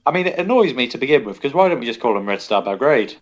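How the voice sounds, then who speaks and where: A man's voice: medium pitch, big pitch swings, quick pace, lo-fi sound. A man co-hosting a casual football podcast, rambling and correcting himself with wry asides. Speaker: podcast co-host.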